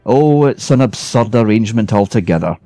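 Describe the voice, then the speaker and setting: A man's voice: on the low side, lively intonation, fairly quick, warm tone, no room sound, soft background music. A man reading a story aloud, voicing a weary, grumbling male ghost who is sociable but bitter. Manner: grumbling complaints, then friendly.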